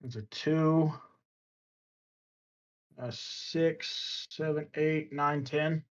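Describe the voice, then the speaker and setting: A woman playing a tabletop game, speaking haltingly with many filler words. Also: low-pitched, fairly even intonation, highs cut off. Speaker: player.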